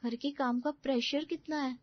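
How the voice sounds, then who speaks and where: A woman's voice: sits high, fairly even intonation, normal speed, dry recording, muffled recording, natural voice. A woman voicing a weary young daughter-in-law who complains about endless housework, in a cartoon. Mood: complaining.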